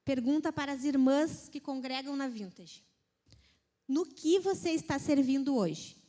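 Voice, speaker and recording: A Brazilian woman giving a lively, casual sermon to a women's group, often mimicking complaining voices. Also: sits high, measured pace. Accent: Brazilian Portuguese. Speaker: women's ministry speaker. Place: church hall. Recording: long hall reverb.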